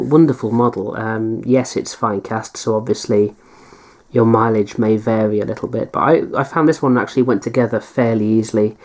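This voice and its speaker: A woman's voice: very deep voice, a little mellow. A woman chatting casually as a hobby vlogger, answering viewer questions in a hesitant, self-deprecating way. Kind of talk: casual Q&A chat.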